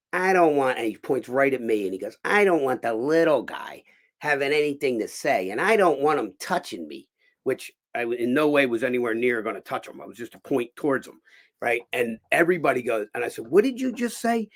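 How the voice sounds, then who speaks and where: A man, hosting a show and telling rough, profane stories in a casual, animated way. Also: mid-range voice. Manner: animated, profane, acts out quotes. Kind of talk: casual storytelling.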